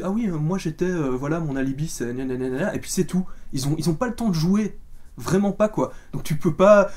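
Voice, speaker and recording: A man's voice: a little high, darkish tone. A man giving a casual spoken film review, chatty and full of fillers and restarts. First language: French.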